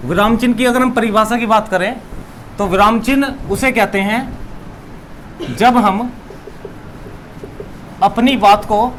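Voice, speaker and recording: High-voiced man teaching a lesson. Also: measured pace, pauses often, fairly bright tone, a little hiss or hum. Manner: repeats key words, asks and answers his own questions. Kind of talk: classroom lesson.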